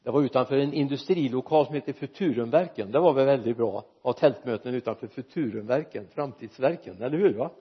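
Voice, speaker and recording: A man preaching a sermon in a church, lively and joking with the congregation. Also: medium pitch, few pauses, breathy edge, lo-fi sound. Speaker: pastor.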